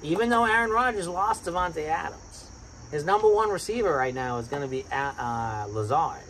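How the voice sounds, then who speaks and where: A man with a Boston accent, co-hosting a casual sports chat and getting excitable about his picks. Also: moderate pace, a little hiss or hum. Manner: excitable, bursts up in pitch when hyped. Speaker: sports podcast co-host.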